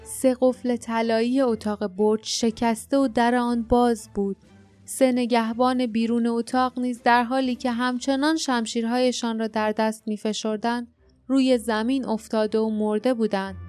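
A woman narrating an audiobook in a steady, measured reading voice. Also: fairly high pitch, faint music behind.

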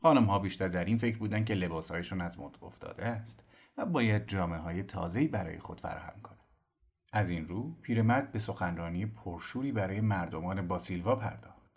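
A man narrating a novel as an audiobook in an expressive storytelling manner. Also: deep voice, vocal fry, breathy edge. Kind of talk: scripted narration.

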